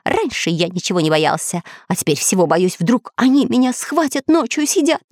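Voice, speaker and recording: A woman's voice: medium pitch, big pitch swings, normal speed, darkish tone, no echo, studio quality. A woman voicing a cowardly male parrot who stammers when scared, in a children's storybook reading. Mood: frightened. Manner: stammering, jittery.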